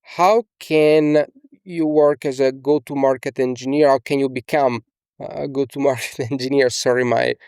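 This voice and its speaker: A young Italian man with an Italian accent coaches casually through a screen-share tutorial in a small indoor room, often tacking on "okay?" and fillers. His medium-pitched voice is creaky, a little mellow, clear and resonant, with fairly even intonation at a moderate pace. The sound is clean studio quality with no room sound.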